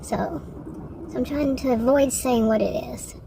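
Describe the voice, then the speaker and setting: A vlogger from Texas with a fairly high, warm voice and a Texan accent talks off the cuff in a personal vlog. Her tone is steady and unhurried as she rambles, halts and circles back to correct herself, over clear background noise on a rough recording.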